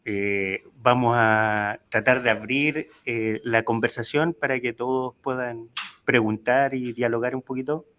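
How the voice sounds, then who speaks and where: A man moderating an online colloquium, relaxed and hesitant with fillers. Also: medium pitch, a little slow. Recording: echoey room with faint noise.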